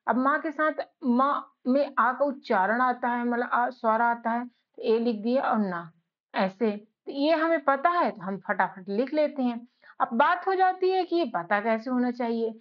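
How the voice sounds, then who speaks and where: A woman's voice: a little high, animated, lo-fi sound. A woman teaching beginners English, patiently spelling letters out and often checking that her students follow. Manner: patient, repeats and checks with "ठीक है?"; spells letters out slowly, one by one.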